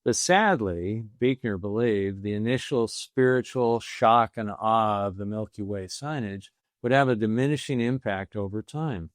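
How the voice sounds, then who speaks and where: An older American man, in his late sixties or beyond, tells a personal faith story in a folksy, deliberate grandfatherly way, posing rhetorical questions. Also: lowish voice, dry recording, studio quality. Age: late 60s or older. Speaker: storyteller giving a faith talk.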